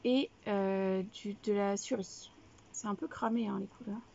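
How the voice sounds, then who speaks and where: A young woman who hosts a knitting podcast chats casually with viewers on a video podcast, drifting between thoughts, using lots of fillers and correcting herself. Her mid-pitched, slightly mellow voice has a gravelly, creaky edge, with fairly even intonation and a measured pace. Recorded on a camera mic while she shows items, the audio is a bit dull and lo-fi with some hiss or hum.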